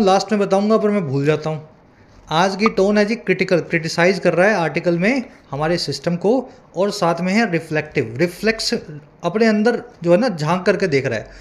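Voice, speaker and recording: A man teaching vocabulary in Hindi, with many asides and checks like "है ना", and reading lines slowly and carefully. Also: high-pitched. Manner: reads English lines slowly and deliberately. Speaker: English tutor. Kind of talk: Hindi-English newspaper reading lesson.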